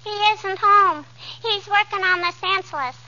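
A woman's voice: very high voice, unhurried. An American woman playing a cheeky, pestering little girl in 1940s radio comedy, with a childish, contrary, singsong delivery. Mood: pestering, know-it-all. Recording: dull, faintly noisy vintage radio recording.

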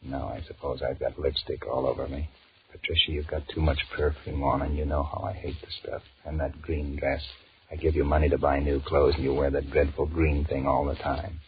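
In a muffled, hissy 1940s radio drama, an actor with a rumbling low, brisk voice and little pitch movement plays a weary, restless married businessman. Through inner monologue and dialogue he grumbles and wheedles while flirting with his secretary.

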